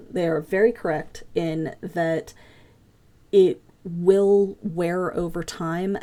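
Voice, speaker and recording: A woman teaching a hobby craft class over voice chat, talking fast with frequent ums and uhs. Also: on the low side, mellow. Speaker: instructor. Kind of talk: online class lecture. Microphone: home computer mic on a voice chat.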